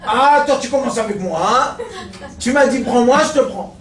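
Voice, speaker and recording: Brief: a man voicing a frantic fisherman husband, high and shouting, in an echoey room from afar. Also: normal speed. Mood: exasperated. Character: excitable middle-aged fisherman husband, eager to please. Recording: echoey room, mic far off.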